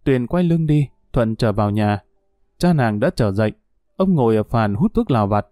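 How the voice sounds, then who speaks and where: A man calmly narrating a story as an audiobook reader. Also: mid-range voice, normal speed, dry recording, studio quality.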